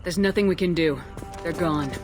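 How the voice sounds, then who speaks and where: Actress as Commander Shepard, resolute terse space heroine. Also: female voice, fairly low pitch, normal speed, natural voice. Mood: grim. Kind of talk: video game voice acting. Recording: loud music over the voice.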